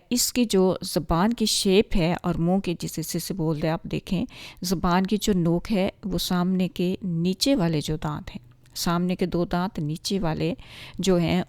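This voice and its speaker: A woman's voice: lowish voice, a little mellow, no echo. Patient woman teaching letter sounds, dry. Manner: patient, step-by-step, models sounds repeatedly. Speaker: Quran recitation teacher. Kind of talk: explanatory lesson with demonstrations.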